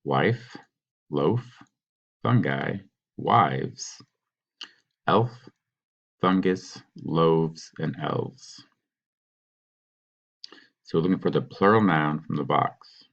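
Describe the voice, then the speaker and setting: A man teaching, patiently talking students through a worksheet and sounding out words slowly. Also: a bass voice, animated, gravelly, a bit bright, dull audio. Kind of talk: recorded classroom walkthrough.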